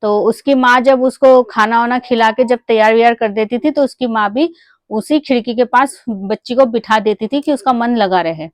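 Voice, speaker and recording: Chatty woman with a higher voice telling a story. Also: normal speed, no room sound. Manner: chatty, addresses viewers as friends, many fillers; gently acts out a child's excited calls to her mother. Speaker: vlogger telling a moral story. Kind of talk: casual storytelling.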